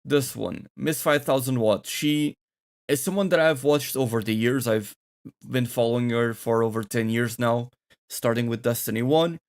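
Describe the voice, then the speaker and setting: A man's voice: medium pitch, moderate pace. A man hosting a gaming channel, thinking aloud and rambling through casual reaction commentary.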